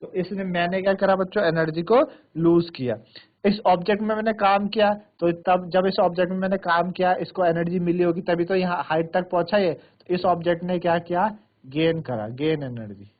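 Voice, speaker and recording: A male science teacher, lecturing pupils in a studio classroom, asking them questions again and again and dictating definitions slowly, word by word. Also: sits high, steady tone. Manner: repetitive, quizzing questions to pupils. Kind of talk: classroom lecture in Hindi with English terms. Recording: thin phone-like sound.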